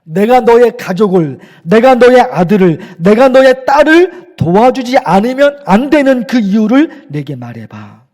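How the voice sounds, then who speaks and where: A man's voice: very high voice, big pitch swings, unhurried, hardly any pauses, a little mellow, heavily acted. A man voicing God questioning a believer who is praying, asking probing and demanding questions. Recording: echoey church hall.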